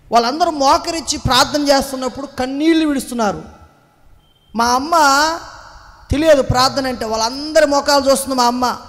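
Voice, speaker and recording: A man giving a passionate testimony sermon to a congregation, moving between hushed recollection and loud exclamations and calling out for claps and amens. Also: extremely high pitch. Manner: calls the congregation to clap and say amen. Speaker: preacher giving a personal testimony. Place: church hall. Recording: echoey church hall.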